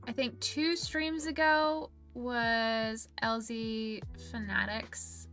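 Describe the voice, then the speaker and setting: Woman, streamer, casual livestream chat, giggly, unhurried, bright tone. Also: fairly high pitch, steady tone, soft background music. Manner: chatty and giggly, reading viewer messages aloud.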